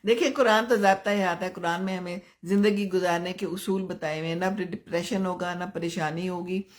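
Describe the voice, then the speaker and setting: An older woman from Pakistan, hosting a live stream and giving gentle advice while answering viewers' comments. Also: on the low side. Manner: gentle, advising, chuckles often.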